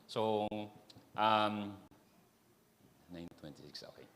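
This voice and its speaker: Male church speaker, slow and halting, still recovering from a cough, reverberant church hall. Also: fairly low pitch, a bit bright, a little hiss or hum. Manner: halting, self-deprecating, many fillers. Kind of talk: Taglish sermon.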